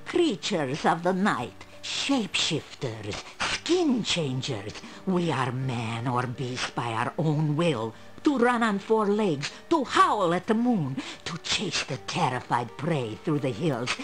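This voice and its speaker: Old female fortune teller, video game character, slow solemn delivery, sweeping intonation, mysterious, proud. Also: deep voice, very animated, music in the background, full character voice. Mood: fierce, exultant.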